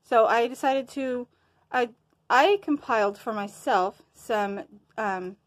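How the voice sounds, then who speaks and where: Speaking slowly in a voice on the high side, a woman presents her crafts to viewers in a relaxed show-and-tell. She comes across somewhat winded and wandering, periodically losing her thread.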